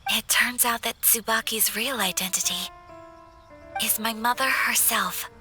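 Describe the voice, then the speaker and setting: Soft-spoken woman as a young noblewoman. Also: a little high, steady tone, measured pace, music in the background, close to an everyday voice. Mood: reflective. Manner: soft-spoken, reflective, often near a whisper. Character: gentle, composed young noblewoman. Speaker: game character.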